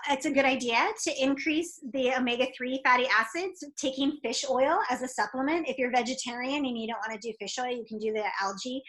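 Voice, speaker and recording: A woman's voice: a little high, fairly bright tone, poor audio. A woman fitness coach giving a casual, chatty talk to fellow coaches, with lots of fillers and an upbeat manner.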